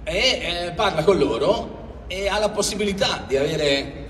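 A man's voice: high-pitched, animated, unhurried, fairly bright tone. A middle-aged man giving a stage introduction at a public event, as a presenter. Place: large outdoor stage, filmed from far off. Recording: distant echoey stage PA, noisy.

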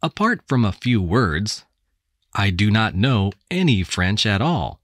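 American woman, extremely low voice, lively pitch, careful textbook reading. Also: no echo, studio quality. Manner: careful, deliberate enunciation. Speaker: English text reader. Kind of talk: slow scripted textbook reading.

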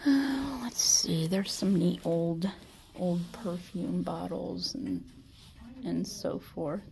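A woman with a Midwestern American accent takes her time in a casual shop-with-me vlog, filmed on a handheld phone in a big indoor store; she is chatty and often whispers. Her voice sits on the low side, creaky with a darkish tone, over slight background noise.

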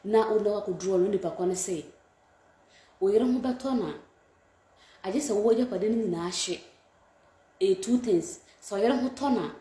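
A woman's voice: mid-range voice, dark tone. A young Ghanaian woman speaking straight to camera, putting a question to her viewers in an echoing indoor room.

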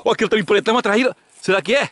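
A man with a Brazilian caipira country accent giving casual, excited, jokey fishing commentary outdoors from behind a handheld camera. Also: high voice, very fast. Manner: animated, jokey, exclamatory. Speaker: vlog host and cameraman. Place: open hillside pasture by ponds, outdoors.

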